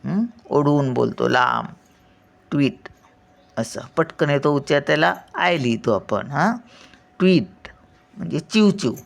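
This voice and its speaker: A woman's voice: deep voice, lively intonation, a little slow, vocal fry. An older woman teaching a spelling lesson, sounding words out syllable by syllable and explaining patiently as she checks that the listener follows.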